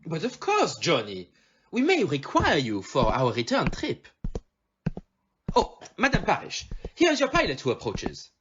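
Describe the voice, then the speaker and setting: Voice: mid-range voice, wildly swooping pitch, a little slow, highs cut off, noisy background. An amateur actor playing Hercule Poirot, a courteous, shrewd, self-assured detective in an audio play, theatrical, with French phrases and questioning tags. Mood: brisk, commanding.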